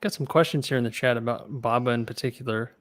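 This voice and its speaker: A man co-hosting a casual investing podcast, talking loosely with quick restarts and easy laughs. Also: medium pitch, dry recording. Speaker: podcast co-host reading chat questions.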